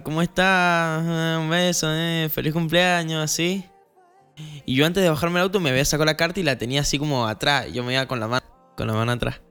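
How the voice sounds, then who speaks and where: A young man with an Argentine Spanish accent telling a casual storytime monologue, acting out the scenes with lively jumps in his voice. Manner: animated, acts out scenes with rising pitch.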